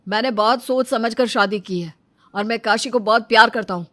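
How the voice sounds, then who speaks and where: A woman's voice: fairly quick, pushed and bright. Woman voicing a firm young husband. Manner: firm, plain, pitched lower. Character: young husband, plain-spoken, a bit impatient. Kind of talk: cartoon story voice acting.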